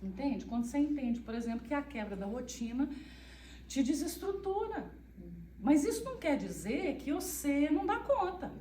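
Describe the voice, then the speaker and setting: A woman talking informally to a church group, soft and even in tone. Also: high-pitched, moderate pace, slight background noise. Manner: soft, even-toned, speaks of her monotone voice. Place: church hall. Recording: echoey room, far from the mic.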